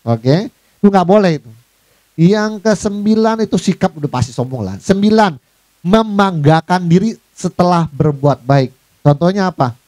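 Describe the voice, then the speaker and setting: A man preaching in a loose, conversational way, his voice sitting a little high for a man. He keeps talking straight to his listeners and slips into mocking voices to make his points. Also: normal speed, dry recording. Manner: lively, acts out mocking voices of proud people; addresses listeners as Pak, conversational. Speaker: pastor. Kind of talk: sermon.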